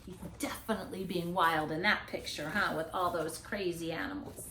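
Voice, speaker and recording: Reading a picture book aloud to young children, a woman with a lowish, steady voice sounds pushed and bright, stressing key words dramatically, drawing them out, and dropping in chatty asides. The room is echoey, with slight background noise.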